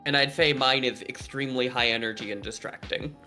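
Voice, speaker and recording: A man's voice: mid-range voice, fairly quick, pushed and bright, soft background music. A man streamer chatting casually with friends, bubbly and laughing often. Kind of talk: casual chat on a group stream.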